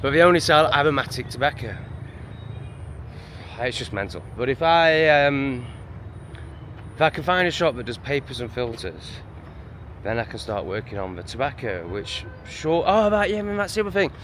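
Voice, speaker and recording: A man's voice: mid-range voice, big pitch swings, normal speed, fairly bright tone, slight background noise. Exasperated sweary Englishman ranting. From England. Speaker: vlogger. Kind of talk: casual rant to camera. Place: home in a town, street sounds outside.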